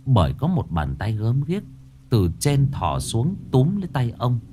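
Expressive man narrating a horror story. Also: medium pitch, unhurried, slight background noise. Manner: dramatic storytelling. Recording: faint background music.

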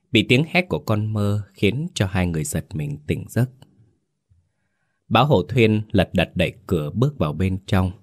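A man hosting a channel and narrating a ghost story at a steady, measured storytelling pace. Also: low voice, no echo, studio quality. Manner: steady, measured storytelling with a polite host's greeting.

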